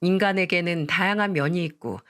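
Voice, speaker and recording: A woman narrating a first-person story for a story radio channel in a steady, conversational way. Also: lowish voice, a little fast.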